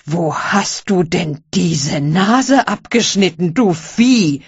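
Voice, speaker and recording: Casting: woman doing a furious nagging wife, loud and high, husky edge, dull lo-fi audiobook sound. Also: animated, takes it slowly, no room sound, heavily acted. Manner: loud, berating, shouting insults. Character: shrill scolding wife of a barber. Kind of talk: audiobook reading.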